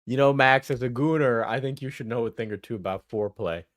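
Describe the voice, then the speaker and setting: A man's voice: mid-range voice, fast, dry recording. A man giving casual, rambling live stream commentary, with some swearing, as he reacts to videos.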